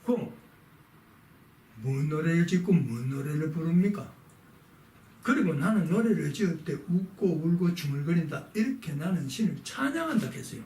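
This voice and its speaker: A man's voice: fairly high pitch, very animated, normal speed, a little mellow. A man reading a text aloud and explaining it in a lesson, asking his listeners rhetorical questions and moving on with short prompts. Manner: rhetorical questions, frequent "자" to move on. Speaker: lecturer on philosophy. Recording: echoey room, mic at a distance.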